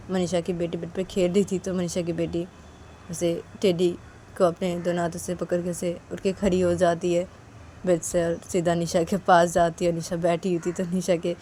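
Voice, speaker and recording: A woman's voice: on the low side, dark tone, a little hiss or hum. A woman narrating a domestic story in a plain, repetitive, casual way.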